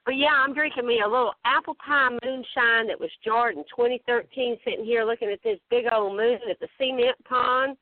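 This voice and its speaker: A woman's voice: fairly high pitch, a little fast, few pauses, dry recording. A woman with a Southern US accent chatting casually as a radio guest, in a folksy, storytelling way. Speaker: returning talk show guest. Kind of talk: casual chat. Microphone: phone. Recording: dry, narrow phone-line sound.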